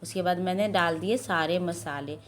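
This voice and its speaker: A woman in her thirties with a hoarse voice from a sore throat, narrating a casual cooking and daily-life vlog from her home kitchen in a chatty, rambling way. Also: lowish voice, moderate pace, a little hiss or hum. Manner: chatty, rambling, frequent filler "ना". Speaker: vlogger and mother.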